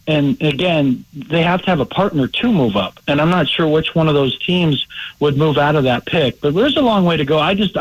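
A man, a sports insider calling in by phone, giving measured analysis, often hedging with "I mean" and "you know". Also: a little high, no room sound, low-quality recording. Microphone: phone line.

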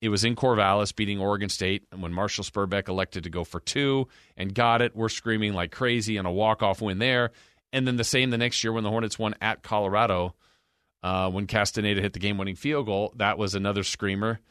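A man's voice: lowish voice, steady tone, brisk, a bit bright, clear, resonant tone, no room sound, clean studio sound. An American man hosting a sports podcast, giving a conversational, emphatic recap and analysis of football games. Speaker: sports podcast host and game broadcaster.

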